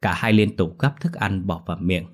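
Husky low-voiced man narrating horror. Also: animated, normal speed. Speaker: storyteller. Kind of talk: scripted horror story narration. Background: faint music.

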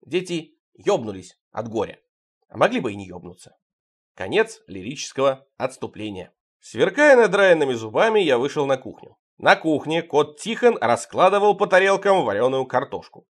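Expressive male audiobook reader. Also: a little high, normal speed. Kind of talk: audiobook narration of a surreal novel.

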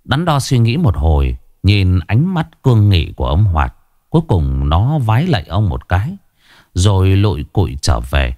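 A man reads a ghost story with an expressive, animated delivery. His pitch rises and falls a lot as he tells it. The recording is close and dry with no room sound. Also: moderate pace, no echo.

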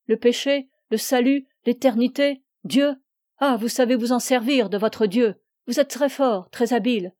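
A woman's voice: on the high side, a little slow, a little mellow, dry recording, studio quality, natural voice. A woman reading aloud and voicing a passionate, possessive young woman who speaks with scorn and rising cries. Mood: impassioned.

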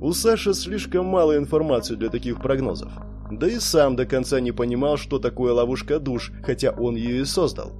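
Man narrating a story in a mellow voice. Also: mid-range voice, normal speed, faint music behind. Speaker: audiobook narrator. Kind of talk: scripted audiobook narration.

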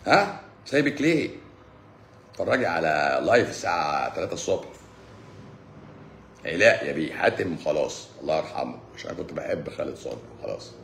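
This livestream host has a very deep, creaky voice, speaking fast and very animatedly but with long pauses, in a reverberant room with slight background noise. Talking in an Egyptian Arabic accent, he answers his viewers, teases them, and laughs a lot.

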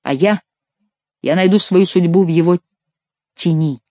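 An audiobook reader voicing a scheming, flattering nobleman count in a dramatic reading. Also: medium pitch, a little slow, no room sound, lightly acted. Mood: insinuating.

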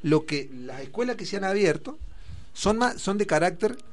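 A man's voice: high voice, big pitch swings, moderate pace. A man with an Argentine accent, explaining figures in a discussion program and thinking aloud with fillers. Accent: Argentine Spanish.

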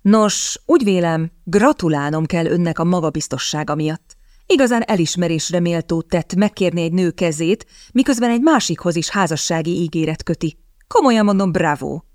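A woman's voice: lowish voice, expressive, a little mellow, no room sound, clean studio sound, lightly acted. A woman reading the part of a proud young lady who speaks sharply and with cutting sarcasm. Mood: icy sarcastic. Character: young woman, proud, quick-witted, indignant.

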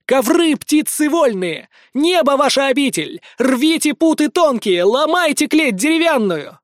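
A defiant young boy wizard, played by a man, bold and brash. He calls out in a high, ringing voice, recorded dry and close, as in a storybook reading. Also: huge pitch swings, normal speed, a little mellow, no room sound, exaggerated voice. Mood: commanding.

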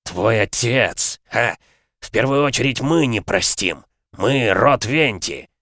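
A man's voice: on the low side, fairly quick, a bit bright, no room sound, clean studio sound, natural voice. A man voicing an enraged older lord of a castle, roaring and bellowing. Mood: furious.

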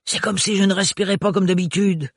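A burly, good-natured servant in a storybook reading talks bluntly in folksy slang, raised and loud, as a male reader puts him on. The voice is dry and close to the mic. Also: high-pitched, fairly even intonation, brisk, breathy edge, no echo, voice pushed up. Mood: hearty. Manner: folksy, blunt working-class speech.

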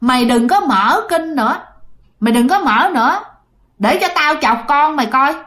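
A woman's voice: high-pitched, animated, normal speed, fairly bright tone, voice pushed up. Woman putting on a taunting female ghost. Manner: mocking, menacing.

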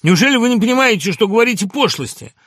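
A man's voice: sits high, expressive, quick pace, a bit bright, dry recording, studio quality, voice pushed up. A man voicing a nervous, bitter middle-aged male doctor in an audiobook, swinging between rage and weary resignation. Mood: furious. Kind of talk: audiobook character reading.

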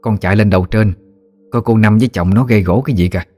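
A man voicing a practical middle-aged village aunt who talks briskly in a Southern Vietnamese accent. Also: lowish voice, warm tone, faint music behind, lightly acted. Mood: earnest. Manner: brisk, matter-of-fact.

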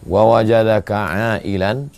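Male preacher, low and gravelly, shifts from drawn-out chanting to pointed scolding. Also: darkish tone. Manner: swings from slow drawn-out chanting to quick emphatic scolding. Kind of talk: sermon with Quran recitation.

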